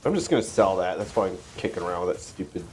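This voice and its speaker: A man's voice: low-pitched, sing-song, fast talker, darkish tone, slight background noise. A congested man with a stuffy nose, chatting casually to himself and swearing offhandedly while streaming a game. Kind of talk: casual gameplay livestream commentary.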